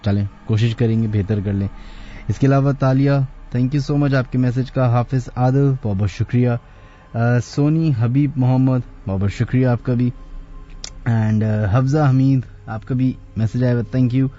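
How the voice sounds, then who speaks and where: Late-night radio host, male, warm low-key delivery, takes his time over every phrase, slightly muffled broadcast sound. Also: fairly even intonation. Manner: unhurried, deliberately slow talker; chatty, reads out listener names. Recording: slightly dull radio studio audio.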